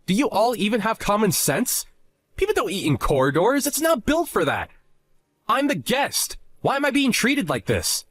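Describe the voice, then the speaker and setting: A man's voice: medium pitch, very animated, normal speed, no room sound, natural voice. A man playing a defensive young husband. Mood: indignant. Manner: defensive, indignant. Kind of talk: dramatized chat story.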